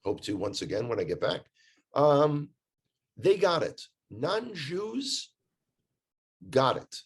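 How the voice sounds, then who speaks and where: A U.S.-born man guiding tours in Israel appears as a guest, his mid-range voice sing-song and slow with a breathy edge. In an American accent, he relates stories in an easygoing, conversational way, emphasizing and repeating phrases.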